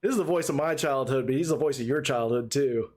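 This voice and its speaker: A man's voice: mid-range voice, fast, a little mellow. A man in his thirties or forties giving casual, off-the-cuff commentary as he streams a video game.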